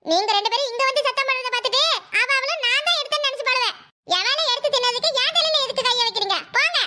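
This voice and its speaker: A woman's voice: very high voice, quick pace, pushed and bright, exaggerated voice. A woman voicing a quarrelsome, sarcastic neighbor woman in a cartoon, with a Kanyakumari Tamil accent. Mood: scolding. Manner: scolding, sarcastic, indignant. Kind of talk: cartoon voice acting.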